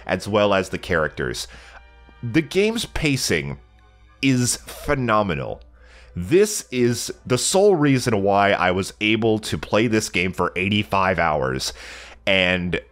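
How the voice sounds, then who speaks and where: This fairly low, fairly bright voice belongs to a young let's play channel regular who sounds stuffy and a bit nasal from a cold. He casually rambles through a game review monologue, full of fillers and self-corrections.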